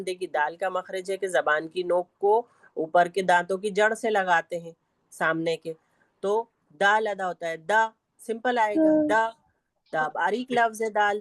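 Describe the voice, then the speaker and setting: A woman teaching Quran recitation in an online class, patiently repeating each sound slowly for her students to copy. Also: medium pitch, dry recording. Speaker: Tajweed teacher. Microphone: online class audio.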